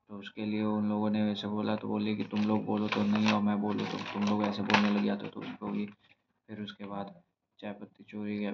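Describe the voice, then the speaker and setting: A young man casually recapping a reality show episode in a rambling, halting way, with many restarts and fillers. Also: lowish voice, vocal fry. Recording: slightly dull, lo-fi recording with faint noise.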